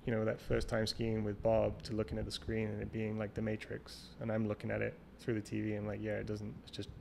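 This guest, a champion water skier, has a gravelly, fairly low voice that stays flat and level as he talks fairly quickly. In this casual interview he circles back and restarts sentences while thinking aloud, with a faint hiss of noise under the call recording.

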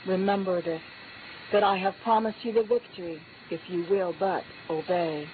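A woman with a medium-pitched voice delivers a prophecy in the first person as God, her solemn, repetitive chanting cadence lifting on each refrain and key phrase. The audio is narrow and phone-like, with a faint hiss beneath it.

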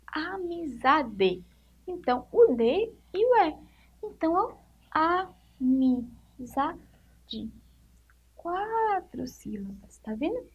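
A woman teaching a literacy lesson to young children, asking questions and answering them herself, stretching words out slowly syllable by syllable. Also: high-pitched, muffled recording.

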